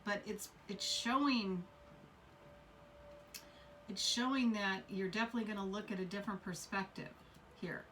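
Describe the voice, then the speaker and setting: A woman reads tarot cards in a casual, rambling way, circling back to repeat her words and leaning on fillers. Her pitch sits in a middle range. A faint hiss of noise runs under the recording. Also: normal speed, pauses often, a bit bright, distant mic. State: coughing fits. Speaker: tarot reader. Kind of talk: casual tarot reading to camera.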